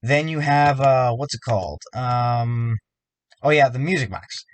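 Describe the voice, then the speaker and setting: A man at an ordinary pitch rants about a video game, sounding upset and worked up. He rambles and stumbles through "you know" and "like" as he talks. The recording is dry and close, with no room sound. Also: a little slow, dry recording. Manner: rambling, fillers, frustrated. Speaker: YouTuber.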